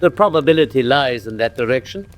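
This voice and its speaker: A mid-range, expressive voice delivers lines fast and lightly acted, with a coolly superior air. The actor, who has an English accent, portrays a confident, teasing gentleman detective in a classic radio drama, precise and theatrically condescending.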